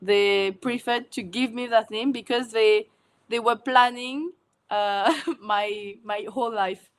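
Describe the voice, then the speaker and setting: Guest: woman, unhurried and hesitant, filler-heavy, laughs often. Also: on the high side, steady tone, clear, resonant tone. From Mauritius. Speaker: guest, food content creator. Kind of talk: casual interview answers.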